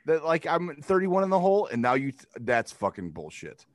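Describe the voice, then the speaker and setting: A man co-hosting a casual podcast among friends, complaining loudly and indignantly with plenty of swearing. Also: fairly high pitch, big pitch swings, a little fast, no echo, studio quality. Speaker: podcast co-host.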